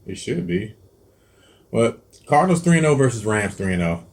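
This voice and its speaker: Guy with a kinda low voice rambling thru nfl picks, lots of ums and stumbles. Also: sing-song, moderate pace, darkish tone. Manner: rambling, hesitant, many ums and self-corrections. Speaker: cooking channel host. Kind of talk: casual football picks chat while eating.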